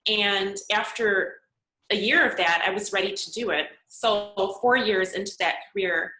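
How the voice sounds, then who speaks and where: Her story comes out earnestly and thoughtfully, dotted with fillers, as she answers interview questions conversationally on a podcast. She is a makeup artist and model in her forties, originally a Serbian speaker, with a bright, forward voice of medium pitch that rings through an echoey room on a remote call.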